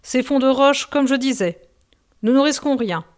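A woman voicing an old male sea pilot, grave and commanding, who speaks in firm, steady orders. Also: high voice, moderate pace, pitched above the performer's own voice.

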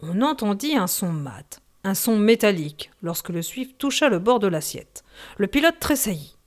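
With a mid-range voice, this woman narrates a novel as an audiobook reader, keeping her delivery measured and expressive.

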